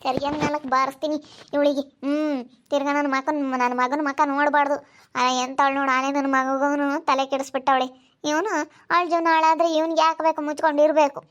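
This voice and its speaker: A scolding village mother, played by a woman, muttering insults under her breath. The voice is high but flat. The recording sounds dull and lo-fi. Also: brisk. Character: scolding village mother, sharp-tongued and cursing. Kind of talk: amateur village skit acting.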